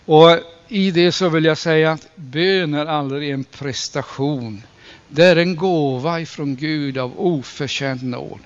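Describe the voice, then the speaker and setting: Preacher, male, slightly raised pitch, earnest and deliberate, dull lo-fi recording. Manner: earnest, slows and stresses key phrases, rises when quoting scripture. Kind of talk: sermon.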